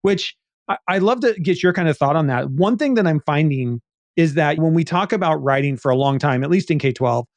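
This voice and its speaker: A man hosts an interview, asking questions with an enthusiastic, affirming manner. His voice sits fairly high for a man, and the sound is dry and close, with no room echo. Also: expressive, brisk. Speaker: podcast host. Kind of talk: conversational interview.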